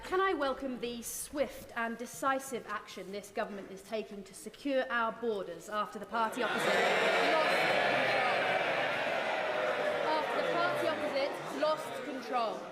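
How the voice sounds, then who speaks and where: A woman asks a formal parliamentary question in a slightly high voice. The big room echoes around her. A very loud crowd fills the background. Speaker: backbench member of parliament asking a question. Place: large indoor parliamentary chamber. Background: loud crowd of members.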